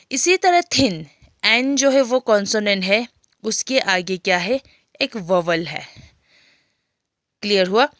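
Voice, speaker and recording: Indian woman, schoolteacher, unhurried, methodical explainer, checks understanding. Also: medium pitch, fairly bright tone, dry recording. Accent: Indian English. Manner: explains step by step, often checking "clear?". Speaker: school English teacher. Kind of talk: classroom grammar lesson.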